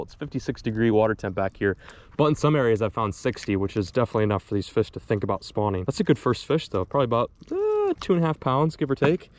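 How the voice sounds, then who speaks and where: A man's voice: medium pitch, darkish tone. A young man vlogging to an action camera from a small boat on a lake, upbeat and self-mocking as he thinks aloud. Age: young adult. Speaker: fishing vlogger. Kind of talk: casual vlog to camera.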